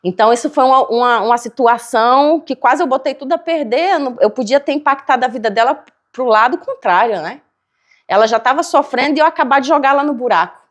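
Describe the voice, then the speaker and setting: A woman with a somewhat high voice tells a personal story on a faith-based podcast. She keeps it animated and plays out each exchange with its own voice. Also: quick pace. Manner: animated, acts out dialogue in her stories. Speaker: podcast co-host.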